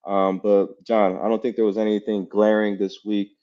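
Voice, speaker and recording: A man's voice: fairly low pitch, normal speed. A man co-hosting a casual sports talk show, talking loosely with lots of "you know" and repeated phrases. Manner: relaxed, repeats himself, many "you know"s. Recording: dull lo-fi sound.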